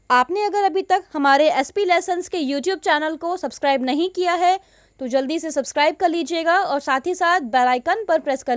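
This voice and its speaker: A woman with an Indian accent teaching English pronunciation in a relaxed, deliberate way, drawing out each example word. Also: very high voice, no echo, clean studio sound. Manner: slow, deliberate, stretches out example words. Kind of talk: Hindi-English mixed lesson.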